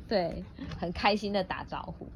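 A woman's voice: mid-range voice, big pitch swings, slow pace, slight background noise. A woman reading a picture book aloud to her child, playful and laughing, stopping often to quiz the child.

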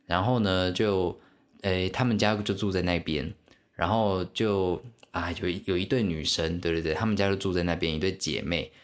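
A man's voice: sits low, steady tone, normal speed. A young man with a Taiwanese Mandarin accent hosting a casual solo podcast, rambling through stories with many restarts and asides to the listener. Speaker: podcast host.

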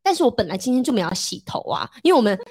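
Lively fast-talking Taiwanese woman. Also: a little high, husky. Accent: Taiwanese Mandarin. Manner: animated storytelling, acting out both sides of a quarrel. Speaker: podcast co-host. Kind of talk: casual chat.

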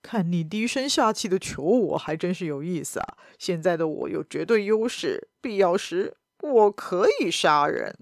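A woman voicing a scheming middle-aged male baron, a villain in a storybook reading, speaking low and sneering. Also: animated, normal speed, creaky, few pauses, no echo, clean studio sound.

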